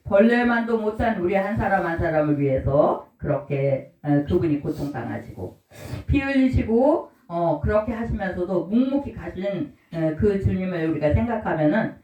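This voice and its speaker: A woman's voice: lowish voice, expressive, moderate pace, few pauses, dull audio. A woman preaching a sermon at a church service, in a homely way, quizzing the congregation. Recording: roomy echo, mic from far off.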